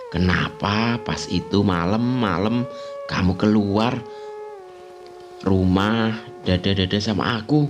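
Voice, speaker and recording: A man voicing a curious, bossy young girl who asks lively questions and scolds her friend, over background music. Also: fairly low pitch, takes it slowly, pauses often. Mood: questioning. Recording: music playing underneath.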